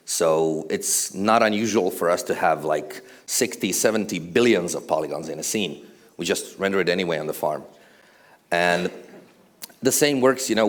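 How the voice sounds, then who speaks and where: A man from Croatia, giving a casual, conversational conference presentation with fillers and dry humor on stage before a large audience. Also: low-pitched. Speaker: conference speaker, architectural visualization studio co-owner.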